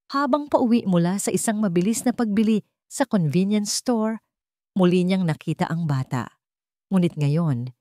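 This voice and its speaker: This is an audiobook narration of a scripted dramatic story by a woman with a Filipino accent. She pitches her voice on the low side with a warm tone, and the clean studio recording carries no echo.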